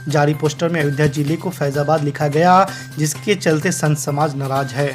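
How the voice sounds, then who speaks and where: A man reading a news bulletin in a steady, formal way. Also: on the high side, moderate pace, soft background music. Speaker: news anchor.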